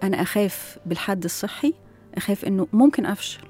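A guest education expert with an Egyptian accent explains her ideas in an interview, frequently asking rhetorical questions. She speaks fast with a medium pitch, lively intonation and a mellow tone, and soft music plays in the background.

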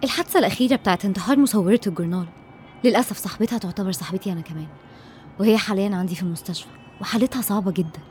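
A woman's voice: medium pitch, very fast, a little mellow, slight background noise, close to an everyday voice. An actress playing a determined, persuasive woman doctor in a radio drama, with an Egyptian accent and an assertive manner. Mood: concerned, resolute. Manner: assertive, coaxing. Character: determined, persuasive female doctor investigating a mystery.

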